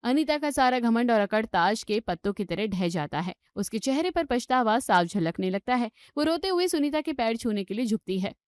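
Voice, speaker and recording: Woman reading a cartoon story out, steady, fairly high voice, dry close sound. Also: normal speed, few pauses, no echo. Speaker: narrator. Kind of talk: scripted story narration.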